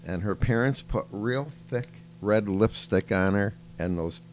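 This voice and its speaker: A man's voice: a little slow, a little hiss or hum. A man co-hosting a casual chat show, telling stories animatedly. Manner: animated storyteller, mimics voices with raised pitch. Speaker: co-host.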